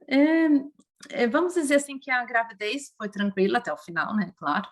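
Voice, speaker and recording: A Brazilian woman with a Brazilian Portuguese accent, an adult mother of a young child, shares personal stories as a guest on a casual podcast interview. Her voice runs on the high side at a moderate pace, and her storytelling is lively and emotional.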